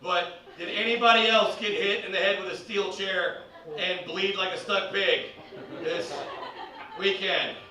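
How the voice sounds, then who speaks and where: A male stand-up comedian, doing a loud, profane set that swings into shouted bits on a comedy club stage. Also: high-pitched, fairly even intonation, a little slow, roomy sound, far from the mic, a crowd in the background, low-quality recording.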